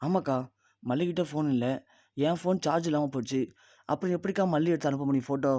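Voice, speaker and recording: A man voicing a young husband who calmly pleads with his elder sister, in his own voice. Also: on the high side, quick pace, no room sound, studio quality, natural voice. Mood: reasoning. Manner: pleading, reasonable. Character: young husband, calm and doubting.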